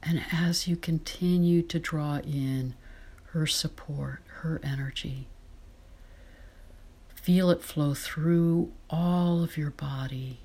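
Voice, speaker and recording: A woman leading a guided meditation in a soft, breathy whisper, slow and soothing. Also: low voice, fairly even intonation.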